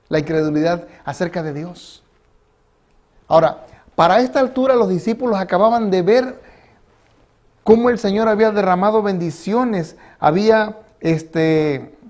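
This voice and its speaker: A man's voice: high-pitched, darkish tone. A man preaching a sermon as pastor, asking the congregation questions and acting out quotes.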